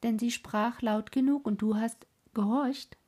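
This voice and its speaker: Woman playing a fierce little robber girl, brash, loud, slow, dark, husky, storybook. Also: fairly high pitch, fairly even intonation. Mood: commanding.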